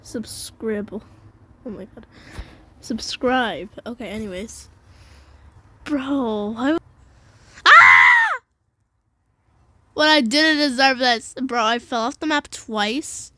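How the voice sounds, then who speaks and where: Giggly high-voiced young woman gaming. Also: unhurried, a little hiss or hum. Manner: giggly, excitable, slangy, with sudden shrieks. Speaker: gamer. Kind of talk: casual gameplay commentary.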